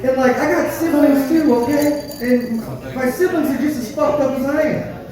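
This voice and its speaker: A man performing live stand-up comedy, telling crude, profane, dark-humored stories in a conversational way straight to the crowd. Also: very high voice, moderate pace. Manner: conversational storytelling, addresses the crowd directly. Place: live comedy show with audience, echoey room. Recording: echoey room, distant mic, audience noise.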